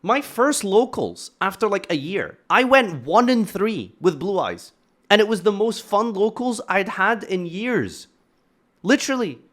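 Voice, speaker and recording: A man's voice: sits high, big pitch swings, measured pace, a bit bright. A man giving casual reaction commentary on a video, blunt and ranting, with sarcastic asides.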